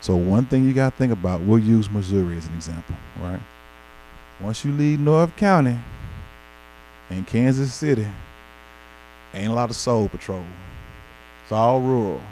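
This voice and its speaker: A man's voice: on the low side, normal speed, long pauses, a little hiss or hum, low-quality recording. Southern man with a St. Louis twang. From Arkansas, United States. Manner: animated, colloquial, folksy. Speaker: presenter at an education talk. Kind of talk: informal public speaking with storytelling.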